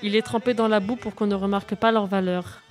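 A woman's voice: medium pitch, fairly even intonation, a little fast, soft background music, natural voice. A woman voicing a clever, bold young girl who gives orders with confidence. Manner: bright, commanding, triumphant.

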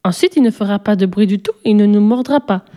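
A woman's voice: quick pace, mellow, natural voice. A woman voicing a spirited, stubborn little girl in a storybook reading, eager and pleading. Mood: insistent. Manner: eager, pleading, high-pitched.

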